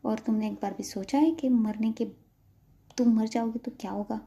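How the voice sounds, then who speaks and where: A woman's voice: a little high, moderate pace, slightly rough, muffled recording. Woman doing a bossy, scolding young woman. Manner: loud, scolding, exasperated.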